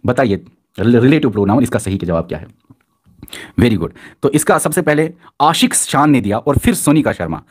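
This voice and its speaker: There's a breathy edge to this man's mid-range voice, and he speaks at a normal speed. Teaching a live online quiz session, he reads the students' answers and spurs them on with lively, repeated praise.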